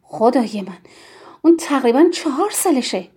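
A woman voicing a stern, rigid middle-aged man who is quick to anger and scolds insistently in a raised voice. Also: high voice, big pitch swings, warm tone, slightly rough, exaggerated voice.

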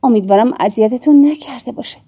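A woman's voice: fairly high pitch, dark tone, breathy edge. A woman narrator voicing a guarded working mother in an audiobook, polite and restrained. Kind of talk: audiobook character reading.

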